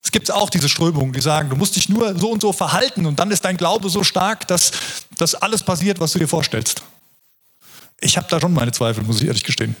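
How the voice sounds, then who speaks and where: A man's voice: on the high side, animated, fairly quick, a bit bright, breathy edge. A man preaching a sermon in an earnest, reflective way, often restarting his sentences.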